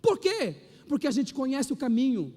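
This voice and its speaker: A pastor, a man, gives his testimony in a lively preacher's manner and acts out the voices of the people he quotes. His speaking voice sits unusually high for a man. The room carries a long reverb that hangs after each phrase. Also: normal speed. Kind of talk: testimony sermon. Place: church hall.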